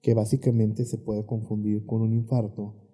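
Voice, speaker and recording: Husky dark-voiced Mexican man. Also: lowish voice, moderate pace. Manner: calm, explanatory, reflective. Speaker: suicidologist and therapist guest. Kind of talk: conversational podcast interview.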